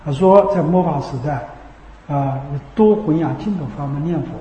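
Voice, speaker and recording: A man's voice: fairly high pitch, normal speed, mellow, slight background noise. A man teaching as a Buddhist teacher in a conversational dharma talk, often checking with his listeners by asking "you know?". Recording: echoey hall with long reverb.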